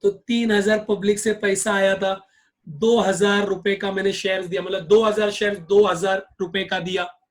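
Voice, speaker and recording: High-voiced man teaching accounts. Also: flat delivery, normal speed. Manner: drills students with repeated questions. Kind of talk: classroom lecture.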